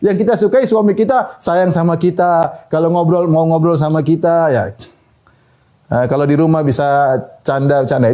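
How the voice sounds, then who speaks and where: A man's voice: high-pitched, warm tone. A male preacher giving a conversational sermon, laughing at his own asides and acting out the people he quotes in short bits of voice. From Indonesia.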